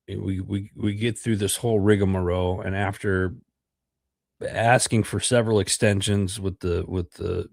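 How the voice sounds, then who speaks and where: A lowish male voice belongs to a middle-aged podcast host from the United States, congested with a cold as he rambles on a livestream, repeating words and using many fillers. The sound is studio quality and echo-free.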